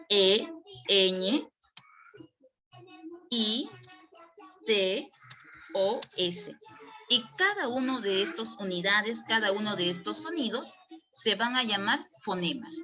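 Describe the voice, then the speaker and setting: A woman's voice: mid-range voice, lively intonation, very slow, long pauses, crowd noise. A woman giving an online language lesson as a teacher, asking and answering her own questions as she explains.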